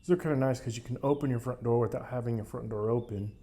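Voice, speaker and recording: A man's voice: medium pitch, quick pace, dark tone. A man chatting casually to his vlog during a cold plunge, in a rambling way that repeats phrases for emphasis. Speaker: vlogger doing a cold plunge challenge.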